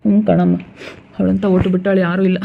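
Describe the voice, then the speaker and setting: Mournful man, gravelly tinny voice. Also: sits high, completely flat delivery, brisk. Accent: rural Chitradurga Kannada. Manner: sorrowful, mournful. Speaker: relative in village vlog. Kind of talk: casual chat. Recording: tinny phone-like lo-fi sound.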